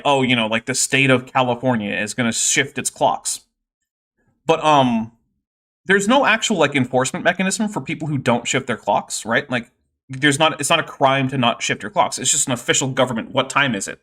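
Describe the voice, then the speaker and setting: A man's voice: mid-range voice, animated, normal speed, sharp tone. A man giving casual, sardonic commentary while reacting to a debate clip on his stream, rambling with fillers.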